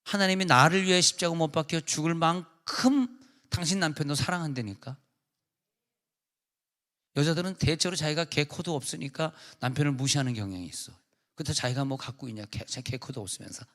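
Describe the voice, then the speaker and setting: 힘 있게 설교하는 남자 목사. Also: male voice, on the high side, brisk, a bit bright. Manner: emphatic preaching, acts out dialogues. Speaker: pastor. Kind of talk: sermon.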